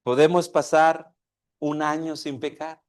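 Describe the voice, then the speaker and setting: A man's voice: a little high, level tone, unhurried. A man preaching a sermon, asking his congregation questions and acting out a dialogue between a father and his child. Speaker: pastor.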